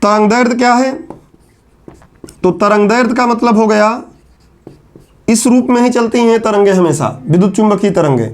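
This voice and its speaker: A man with a strikingly high-pitched voice teaches a class at the board. He moves step by step, puts questions to the students and answers them himself. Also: moderate pace, pauses often. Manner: explains step by step, asks and answers his own questions. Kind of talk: classroom lecture.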